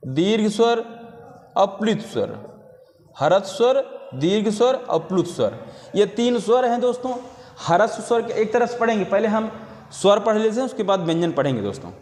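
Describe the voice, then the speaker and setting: High-pitched male teacher, repetitive exam-prep explainer, echoey room. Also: darkish tone. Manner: repeats definitions, addresses viewers as friends. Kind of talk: exam-prep grammar lesson. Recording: echoey room with long reverb.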